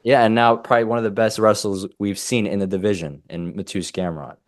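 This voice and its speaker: A young man co-hosting a casual fight-analysis podcast, opinionated and animated, often breaking off mid-sentence. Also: lowish voice, a little fast, dry recording, clean studio sound. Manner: animated, opinionated, self-interrupting. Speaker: MMA podcast co-host.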